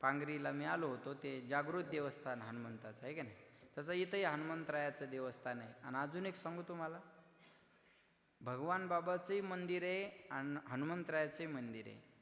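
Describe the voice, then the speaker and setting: A man preaching a kirtan sermon, loudly declaiming, acting out dialogue and breaking into sung verses. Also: fairly high pitch, moderate pace, creaky, slight background noise. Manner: loud, declaiming, acts out dialogue, breaks into song. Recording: echoey hall with music.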